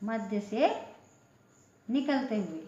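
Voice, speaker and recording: A woman teaching a language lesson, slowly explaining letters, asking questions and answering them herself, often repeating words. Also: medium pitch, animated, mellow. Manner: slow, repetitive, asks questions then answers them. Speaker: Hindi teacher. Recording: echoey room, dull lo-fi sound.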